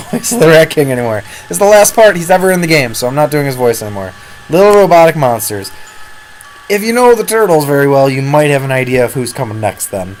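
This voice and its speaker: A man's voice: medium pitch, a little hiss or hum. Chatty man with a sore throat. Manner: chatty, rambling, self-correcting. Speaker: let's-play host. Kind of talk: casual gameplay commentary. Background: game music.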